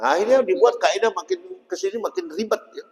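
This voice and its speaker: A man's voice: high voice, expressive, quick pace. A male preacher giving a casual, jokey dawn-study sermon in a mosque, chatting with the congregation. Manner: jokey, chatty, keeps tagging "Pak" and "ya". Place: mosque hall. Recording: long mosque-hall reverb.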